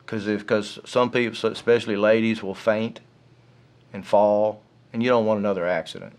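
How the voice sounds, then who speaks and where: A man's voice: lowish voice, steady tone, moderate pace, darkish tone, clear, resonant tone. A man who worked as a homicide detective explaining his work in a plain, matter-of-fact way, often repeating words. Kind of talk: interview.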